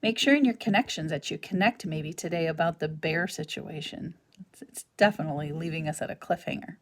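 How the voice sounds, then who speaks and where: A woman teacher reading a children's novel aloud, with expressive storytelling that drops to a whisper at tense moments. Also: sits low, fairly quick.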